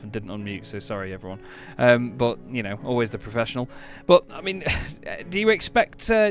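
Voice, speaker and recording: A British man hosting a sim-racing broadcast, upbeat and cheeky, using lots of slang. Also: mid-range voice. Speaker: race commentator and host.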